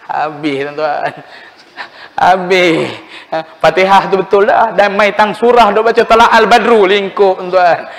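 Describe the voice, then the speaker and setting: High-voiced preacher in mosque. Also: male voice, slow, slight background noise. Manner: animated storytelling, addresses listeners as "tuan-tuan". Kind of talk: mosque sermon. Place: mosque hall. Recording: long reverb in a mosque hall.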